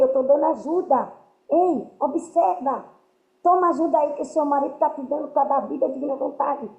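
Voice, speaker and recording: A woman's voice: high-pitched, warm tone. A woman giving earnest spiritual teaching to a group, often checking that her listeners understand. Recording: roomy, dull lo-fi sound.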